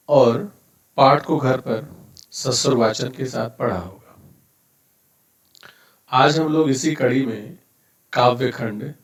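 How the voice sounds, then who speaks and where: A male teacher giving a classroom lecture, explaining each term step by step and restarting words to correct himself. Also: mid-range voice. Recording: roomy, mic at a distance.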